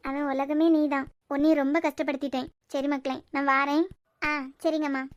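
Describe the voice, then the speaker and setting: A woman's voice: sits high, no echo, studio quality. A woman with a Kanyakumari Tamil accent voicing emotional cartoon serial dialogue. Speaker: cartoon voice artist.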